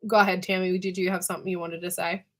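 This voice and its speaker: Bright, hoarse woman with a smoker's rasp. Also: fairly low pitch, flat delivery, fast. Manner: throat clearing, chatty. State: hoarse, voice giving out from allergies. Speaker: host of a live canning chat. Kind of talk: casual livestream chat.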